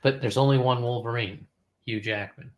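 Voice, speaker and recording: A man's voice: mid-range voice, fairly even intonation, moderate pace. A man co-hosting a casual podcast, talking in a laid-back, blunt way with casual swearing. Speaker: podcast co-host. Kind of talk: casual chat.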